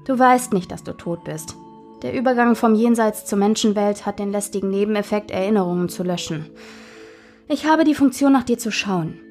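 A gentle, soothing Death, a hooded skeleton who talks calmly and kindly, as a woman storyteller puts him on. Her voice stays at a mid pitch, with soft music faintly underneath. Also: normal speed, natural voice. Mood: explaining. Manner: calm, soothing.

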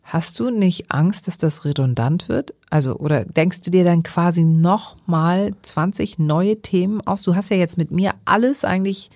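A woman's voice: lowish voice, normal speed, few pauses, darkish tone, dry recording, studio quality. A woman, a guest with a news-reading background, chatting casually and explaining how to stress sentences. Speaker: podcast guest, news presenter. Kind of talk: casual podcast chat.

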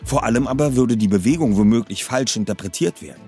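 A man reading an audiobook with an expressive, dramatic delivery. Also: mid-range voice, quick pace, faint music behind. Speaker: audiobook reader.

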